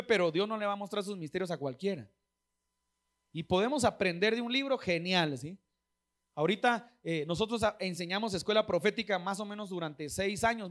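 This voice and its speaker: A man's voice: high voice, fairly bright tone. A man preaching a conversational sermon, often checking in with the congregation and singing short bits of old hymns. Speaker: pastor.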